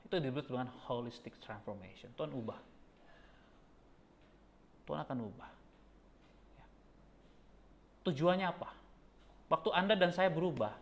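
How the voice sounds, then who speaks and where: A man, a pastor preaching a sermon with lively storytelling that jumps to a high, excited pitch. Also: slight background noise.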